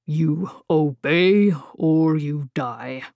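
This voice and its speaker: A woman voicing a weary giant man in an audiobook, speaking slowly and gruffly. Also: low voice, darkish tone, dry recording, clean studio sound.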